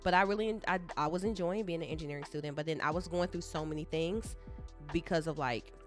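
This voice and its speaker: A woman's voice: sits low, fast. Candid woman chatting on a live coding stream. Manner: candid, expressive, talks straight to viewers. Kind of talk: casual rambling stream chat. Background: soft background music.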